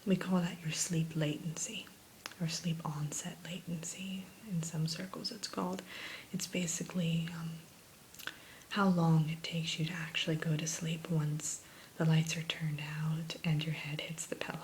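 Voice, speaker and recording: A woman in a whispered role-play as an attentive spa consultant, gently talking a client through questions and advice like a spa receptionist. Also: low-pitched, level tone, normal speed, rough recording. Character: soothing, attentive female spa sleep consultant. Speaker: ASMR performer playing a spa sleep consultant. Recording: close whisper with background hiss.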